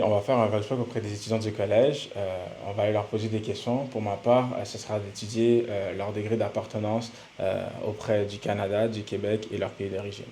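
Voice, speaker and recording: A young man, a student co-host, introducing the episode calmly with hesitant fillers. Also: on the low side, slight background noise. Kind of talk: scripted introduction.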